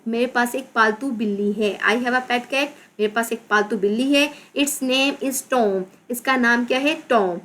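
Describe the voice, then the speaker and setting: A woman teacher with a Pakistani accent talks through a children's English lesson in a slightly high voice. She reads each English word very slowly, repeats it, then spells it out letter by letter. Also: pushed and bright. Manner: slow, drawn-out reading of English words, repeating and spelling them out. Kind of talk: explaining a textbook lesson in Urdu and English.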